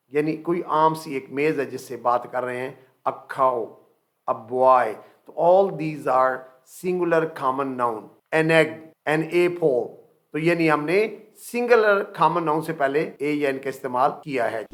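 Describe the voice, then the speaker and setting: Slow-explaining Pakistani male grammar teacher. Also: fairly high pitch. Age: middle-aged. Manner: explains step by step, slows down to say English examples. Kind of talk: classroom lecture.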